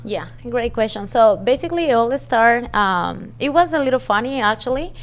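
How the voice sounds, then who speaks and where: A woman's voice: on the high side, animated, moderate pace. Young woman. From Peru. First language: Spanish. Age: young adult. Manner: upbeat, hesitant with um fillers. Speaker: podcast guest. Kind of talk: friendly interview answers. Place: media studio.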